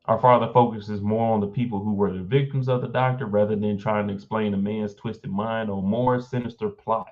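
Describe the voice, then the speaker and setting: A man's voice: fairly low pitch, steady tone, a little fast, hardly any pauses, lo-fi sound. A man hosting a casual live stream, reading an article aloud and breaking off to react with blunt, informal asides.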